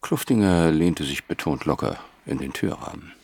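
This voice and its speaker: A man reading an audiobook in a measured, wry storytelling manner. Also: very deep voice, animated, creaky, darkish tone, slightly rough, no echo, clean studio sound. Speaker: audiobook narrator. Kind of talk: scripted narration.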